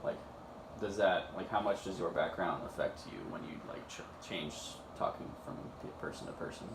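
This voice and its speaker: A man's voice: low voice, normal speed, heavy background noise. A young man in his twenties hosting a casual student interview, asking questions with many fillers and restarts.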